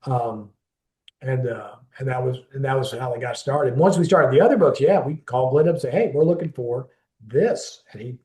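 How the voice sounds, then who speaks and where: A man's voice: medium pitch, normal speed, a little mellow, roomy sound. A man in his fifties telling a long story in a casual oral-history interview, rambling with restarts and acting out quoted dialogue. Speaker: interviewee recalling a friend.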